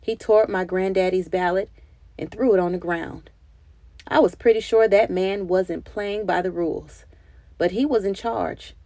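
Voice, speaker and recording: Reading a children's storybook aloud, a woman delivers it expressively and deliberately. Her medium-pitched voice is relaxed and dark, with a creaky edge, captured dry and close with no echo.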